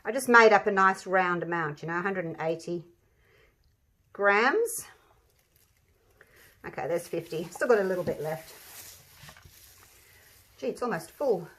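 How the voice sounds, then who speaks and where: A woman's voice: lowish voice, animated, a little slow, pauses often, fairly bright tone. An Australian woman giving a casual, chatty craft demonstration, thinking aloud, her voice slightly muffled by a mask over her mouth. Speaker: craft tutorial host. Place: indoor craft table.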